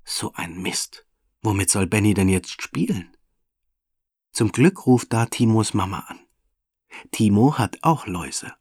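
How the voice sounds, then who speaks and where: A man reads a children's story aloud in a calm, evenly paced way. His voice is low and a little breathy. The recording is dry and close. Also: a little slow, pauses often, no echo. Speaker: narrator.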